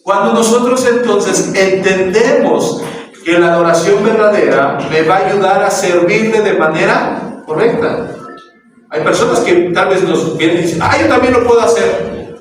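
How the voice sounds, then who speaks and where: A man's voice: sits high, normal speed. A Mexican man preaching a sermon as pastor, asking his listeners questions and acting out the voices he quotes. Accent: Mexican Spanish. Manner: acts out quoted voices, asks the crowd questions. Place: church hall. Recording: very echoey hall, distant mic, faint hiss.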